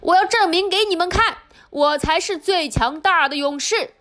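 A woman reading a storybook aloud, voicing a huge male giant with slow, drawn-out threats. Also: very high-pitched, fairly bright tone, pitched above the performer's own voice. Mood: menacing. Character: huge bullying male giant, later a meek son.

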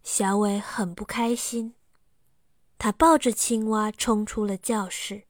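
A woman narrating a children's bedtime story slowly and softly. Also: medium pitch, fairly even intonation, dry recording, studio quality. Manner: slow and soft.

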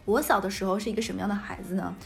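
A woman's voice: mid-range voice, rapid-fire, gravelly, soft background music. A woman from Northeast China co-hosting a podcast, telling family anecdotes in casual chat and often laughing. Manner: lively anecdotes, breaks into laughter. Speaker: podcast co-host.

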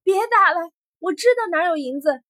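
A man's voice: extremely high pitch, very animated, normal speed, no echo, studio quality, full character voice. Woman doing a meek, ragged old man. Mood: pleading. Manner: quiet and pleading.

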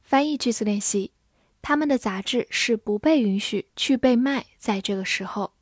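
A woman teaching English vocabulary in a scripted lesson, spelling each word letter by letter, repeating it, and reading example sentences slowly. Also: fairly high pitch, no echo, clean studio sound. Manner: slow, spells words letter by letter and repeats them.

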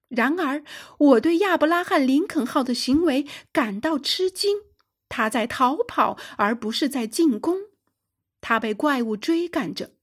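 A woman's voice: sits high, husky. A woman narrating a sci-fi adventure audiobook for young listeners, telling it expressively. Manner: expressive storytelling.

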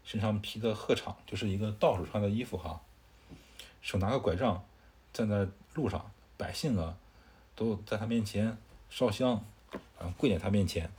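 A man with a fairly low voice retells a classic tale to a child in a relaxed, conversational manner. He stops to explain things in asides and fills pauses with "er". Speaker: storyteller. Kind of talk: casual storytelling to a child.

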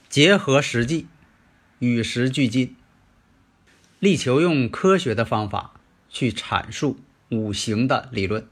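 A middle-aged or older man with a slightly husky voice, hosting a teaching show and addressing listeners in a didactic lecture style. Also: medium pitch, fairly bright tone. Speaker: host of a Chinese metaphysics teaching show. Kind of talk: spoken lecture and New Year address to listeners.

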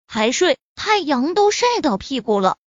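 A woman playing a feisty, quick-tempered young village official. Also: sits high, big pitch swings, dry recording, lo-fi sound. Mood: scolding. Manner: scolding, huffy.

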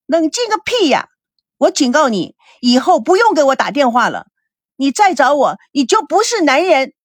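A woman playing a shrill, furious jealous wife. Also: lively intonation, moderate pace, dry recording, clean studio sound. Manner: shrill, scolding.

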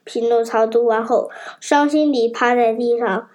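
A woman reads a children's storybook aloud in a steady, clear manner. Her voice sits fairly high, and she trips on a word now and then. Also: measured pace.

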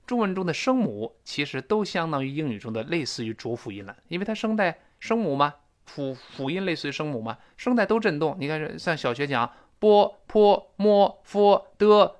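Lively Chinese-accented male English teacher. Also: on the high side. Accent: Mandarin Chinese. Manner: lively, repeats words slowly to demonstrate. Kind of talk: explaining English pronunciation.

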